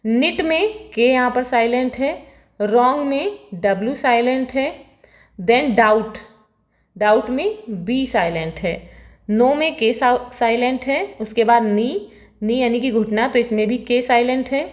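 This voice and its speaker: A woman teacher, reading English textbook lines slowly and explaining them. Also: on the high side. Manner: slow, deliberate reading of English lines, brisker Hindi explanation. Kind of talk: bilingual textbook lesson, reading English then explaining in Hindi. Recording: echoey room.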